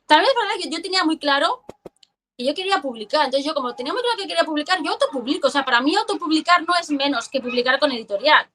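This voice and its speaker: A woman's voice: high-pitched, very fast. A woman, a guest writer chatting expressively in an interview over a video call, often restarting her sentences. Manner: expressive, frequent restarts and fillers. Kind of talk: casual interview chat.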